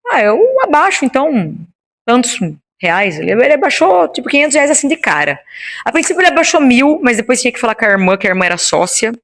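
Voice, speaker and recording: A woman's voice: high voice, rapid-fire, gravelly. A woman being interviewed about her project, telling a story casually and acting out the dialogue in it. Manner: animated, acts out the dialogue in her stories. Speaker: interview guest, founder of a women's Bible study.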